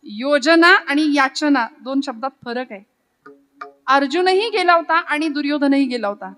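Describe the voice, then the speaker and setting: Woman, from Maharashtra, high voice, kirtan preacher, dramatic storytelling. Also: lively intonation, normal speed, fairly bright tone, faint music behind. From Maharashtra, India. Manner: dramatic storytelling, breaking into sung verses. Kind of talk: devotional kirtan sermon.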